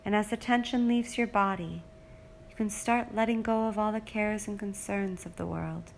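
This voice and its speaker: A woman reading a guided relaxation script in a slow, soothing, repetitive way, like a hypnotist. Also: mid-range voice, creaky, a little hiss or hum.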